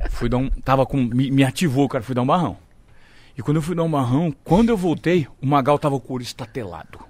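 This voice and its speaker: A man's voice: mid-range voice, sing-song, fairly quick, pauses often, a little mellow, dry recording. A man with a Brazilian Portuguese accent, a sports reporter telling a vivid story in a casual podcast chat.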